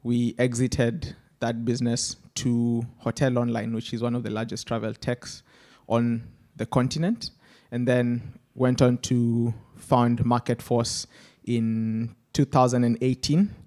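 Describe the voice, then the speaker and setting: A man's voice: mid-range voice, little pitch movement, measured pace, darkish tone. A man, introducing himself and his company on a conference panel in an upbeat way, with fillers and an uneven pace. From Kenya. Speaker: panelist, startup founder.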